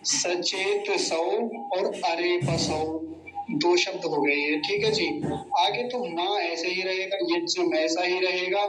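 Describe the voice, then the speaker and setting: Guy teaching mantra pronunciation online, high voice, echoey room w/ faint music. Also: steady tone. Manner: slow, syllable-by-syllable recitation with corrections. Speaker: Sanskrit teacher. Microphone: computer mic on a live online class.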